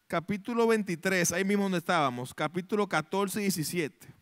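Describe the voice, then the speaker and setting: High-voiced preaching man, dry sound. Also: fairly bright tone, no echo. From Dominican Republic. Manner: preaching with acted-out quotes and rhetorical questions. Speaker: pastor. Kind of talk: sermon.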